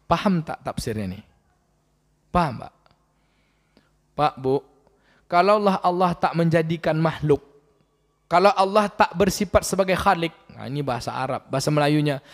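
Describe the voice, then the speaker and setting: A man in his 40s from Riau, Indonesia preaches a sermon in a mosque hall, where his voice carries a long reverb. His voice is on the high side and animated, at a moderate pace with frequent pauses, and he puts questions directly to the congregation.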